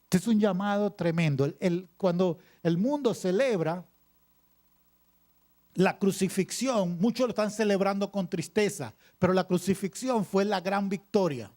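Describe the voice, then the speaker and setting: A male pastor preaching a sermon, reading scripture aloud and pausing for emphasis with repeated phrases. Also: high-pitched, a little mellow. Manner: preaching with dramatic pauses and repetition.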